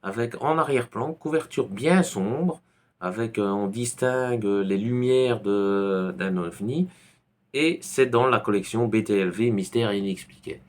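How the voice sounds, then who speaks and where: A man with a Belgian French accent talks through his book picks in a slightly low voice. He moves at a slow, unhurried pace, rambles and pauses often on fillers while hunting for his next thought. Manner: rambling, many hesitations and fillers. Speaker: YouTuber reviewing books. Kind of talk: casual book recommendations.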